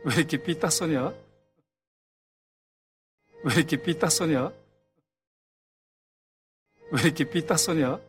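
An actor playing a gentle middle-aged father who softly coaxes his sulky daughter, in a TV drama scene. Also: on the high side, takes it slowly, pauses often, breathy edge, soft background music, heavily acted. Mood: gently coaxing. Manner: soft, coaxing, chuckling fondly. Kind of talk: TV drama dialogue.

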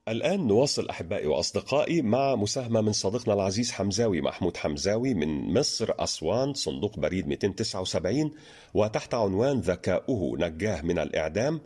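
A man's voice: lowish voice, big pitch swings, very fast, a little mellow, husky. A man hosting a radio show, reading listener letters in a formal standard register. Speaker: radio program host.

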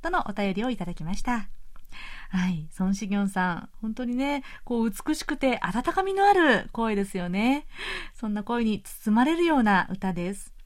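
Lively-voiced woman radio host. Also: a little high, normal speed. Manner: chatty, polite, with soft laughs. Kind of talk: radio show recipe talk and sign-off.

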